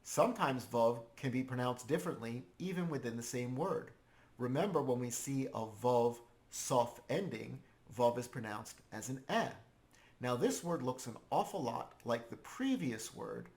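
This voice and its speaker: A man's voice: mid-range voice, expressive, measured pace, a little mellow. A man teaching a scripted language lesson, explaining each point patiently.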